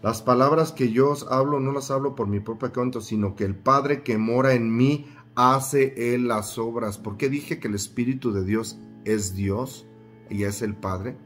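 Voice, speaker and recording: A man preaches with steady force, hammering the same phrases again and again and turning to his listeners with questions. He reads scripture aloud at a middling pitch. Faint guitar plays softly behind his voice. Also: a little slow. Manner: emphatic, repeats phrases, asks the congregation questions. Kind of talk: sermon with scripture reading.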